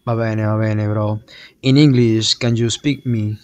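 A young Peruvian man whose native language is Spanish hosts a casual video chat from a small indoor room, holding a handheld microphone and asking strangers about their languages. He's friendly and fires off quick questions in a steady, darkish voice on the low side.

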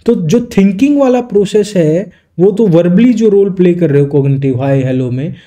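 A man teaching an exam-prep lecture, explaining in Hindi and reading definitions slowly in English. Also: high-pitched, dark tone.

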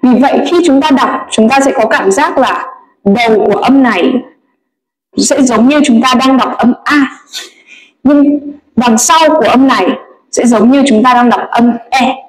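A woman's voice: fairly high pitch, a little slow, reverberant, poor audio. A woman teaching English pronunciation, patiently explaining and modelling each sound. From Vietnam. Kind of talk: recorded pronunciation lesson.

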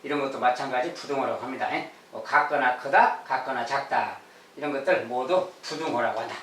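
A male math teacher giving a lecture. He fills his talk with short "ja" and "ye" and slowly repeats key phrases. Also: medium pitch, fairly bright tone, a little hiss or hum. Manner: frequent "ja" and "ye" fillers. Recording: echoey room, mic at a distance.

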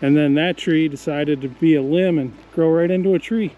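A man's voice: a little high, normal speed, dark tone, dull audio. Easygoing man narrating a forest hike. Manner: easygoing, musing aloud. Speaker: hiking vlogger. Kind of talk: casual commentary on a hike. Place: outdoors on a forest trail by a river. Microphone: action camera held or worn.

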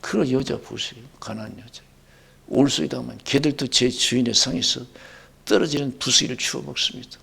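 A male pastor preaching a sermon, with sudden loud rising bursts and quoted dialogue. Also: mid-range voice, fairly quick, vocal fry, slightly rough.

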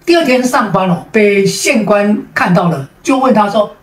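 A woman with a Taiwanese Mandarin accent telling a string of jokes, stretching out her sentence particles in a lively way. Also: medium pitch, moderate pace. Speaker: joke storyteller. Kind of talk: storytelling of jokes. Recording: roomy sound from a distant mic.

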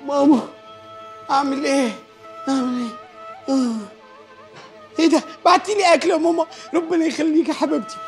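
An actor with an Egyptian accent playing a childish grown son, whiny and mocking, in an exaggerated, wailing comedy style. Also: male voice, extremely high pitch, steady tone, brisk, long pauses, soft background music. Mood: whiny pleading. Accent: Egyptian Arabic. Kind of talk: Egyptian film comedy acting.

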